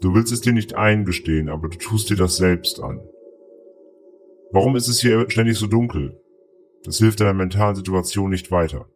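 A man's voice: deep voice, normal speed, soft background music. A man voicing the distorted inner voice of a man, speaking in a cold, accusing way.

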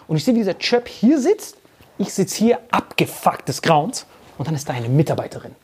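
A man spins a profane story in casual podcast chat, often breaking into mocking impressions. His pitch swings widely as he talks. His voice has a slight husk to it. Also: big pitch swings, slightly rough. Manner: fast bursts, often laughing.

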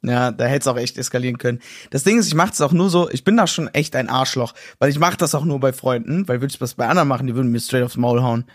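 A young man co-hosting a podcast in casual chat, slangy and excitable, acting out quotes. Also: mid-range voice, fast talker, few pauses, no echo, clean studio sound. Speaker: podcast co-host.

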